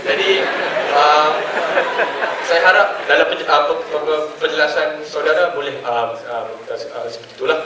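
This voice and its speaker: A man's voice: a little high, steady tone, moderate pace, pushed and bright, far from the mic, slight background noise. A young man from Penang with a Penang Malay accent moderating a student forum, hesitant with many fillers and light jokes. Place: large echoing hall. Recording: echoey hall, voice from afar.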